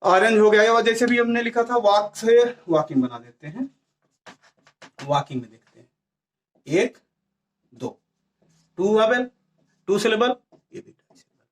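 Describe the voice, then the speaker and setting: A man's voice: high voice, unhurried, long pauses. A man teaching a grammar lesson. He asks his class questions, answers them himself and repeats the key words.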